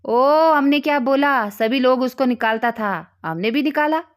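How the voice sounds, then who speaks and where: Brief: woman voicing a burly Pathan traveler, slow and taunting, broken speech. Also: high voice. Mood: mocking threats. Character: gruff Pathan man, mocking and threatening.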